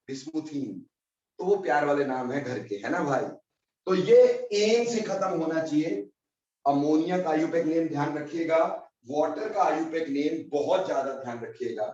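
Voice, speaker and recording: High-voiced man teaching in an echoey classroom. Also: a little mellow. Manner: addresses students fondly as children, repeats key points; mixes Hindi with English terms. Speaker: chemistry teacher. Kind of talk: classroom lecture. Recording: roomy, distant, dull lo-fi classroom recording.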